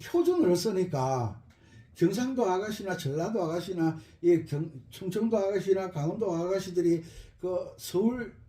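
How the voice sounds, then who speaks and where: Middle-aged male music teacher, animated, high-pitched, roomy sound. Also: moderate pace. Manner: lively, repeats key phrases, jokes with students. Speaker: accordion teacher. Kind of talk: spoken music lesson.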